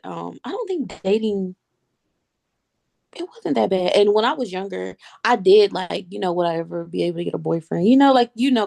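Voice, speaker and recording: A woman's voice: mid-range voice, creaky, dark tone. A woman in her thirties, a guest on a video-call interview, chatting casually, laughing often and calling the listener honey.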